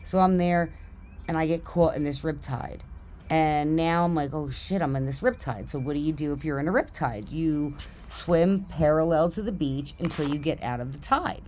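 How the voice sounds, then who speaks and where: Middle-aged woman, low voice, casual swearing storyteller, lively and laughing. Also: moderate pace, a little hiss or hum. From New Jersey.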